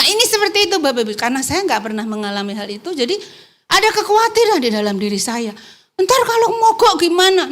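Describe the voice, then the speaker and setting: A woman's voice: on the high side, a bit bright. A woman church elder preaching a sermon in a conversational way, often turning to the congregation with tag questions and telling personal stories with light laughter.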